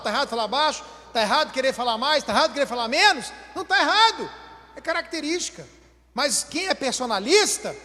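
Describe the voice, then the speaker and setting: A Brazilian pastor preaches with a very high voice that swoops up and down as he acts out little household scenes. His humorous sermon rings through a hall with a long, lingering reverb. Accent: Brazilian Portuguese. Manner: animated, acts out everyday dialogues.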